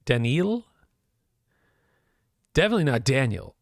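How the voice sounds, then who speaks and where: A man co-hosting a hockey podcast, rattling off trades in loose, joking banter. His voice has a gravelly texture, and the dry, close recording keeps it right up front. He laughs easily and swears now and then. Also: medium pitch, sing-song, unhurried, dry recording. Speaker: podcast co-host.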